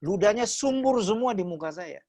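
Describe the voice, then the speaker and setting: A man preaching a personal testimony over a video call. He tells the story vividly and acts out quotes, dropping his voice low and then rising loud. He sounds like a pastor speaking to his congregation. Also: expressive, moderate pace. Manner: storytelling with acted quotes, shifting loud and soft.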